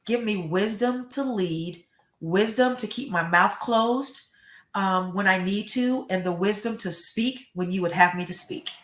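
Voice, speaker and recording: A woman's voice: medium pitch, measured pace, a bit bright, echoey room. A middle-aged American woman, a school superintendent, giving earnest, emphatic interview answers and often repeating words. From United States.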